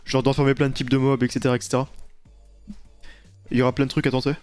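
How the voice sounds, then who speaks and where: A man's voice: mid-range voice, monotone, fast, darkish tone, clean tone, faint music behind. A man streaming a video game, chatting casually and rambling while answering chat questions, close to the mic. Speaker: gaming streamer.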